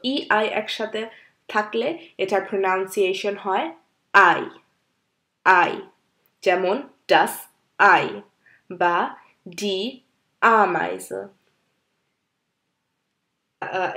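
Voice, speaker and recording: Woman patiently teaching beginner German. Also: medium pitch. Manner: slow, repeats example words one by one, with fillers. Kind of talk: beginner language lesson.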